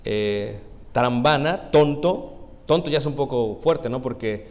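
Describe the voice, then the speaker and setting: A man's voice: mid-range voice, a little slow. A male preacher gives a folksy, conversational sermon, calling the congregation brothers and asking them questions. His mid-range voice rings out with a long reverb from the church hall. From Mexico. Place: church sanctuary.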